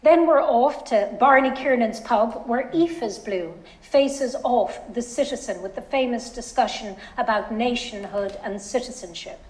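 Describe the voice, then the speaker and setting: A woman acting as master of ceremonies, introducing an event programme in a clear, announcing manner. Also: on the high side, a little slow, hardly any pauses, a little mellow, reverberant, low-quality recording.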